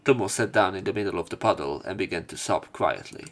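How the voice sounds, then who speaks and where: A let's player with a fairly low voice works through a visual novel, reading the story text aloud and dropping in his own casual commentary. He talks fast.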